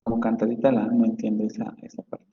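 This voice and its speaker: A man's voice: fairly low pitch, monotone, fast, warm tone. A male phonetics professor, giving a casual lecture and thinking aloud with frequent fillers and restarts. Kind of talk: university lecture, explaining with examples. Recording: dull, roomy, reverberant lo-fi audio.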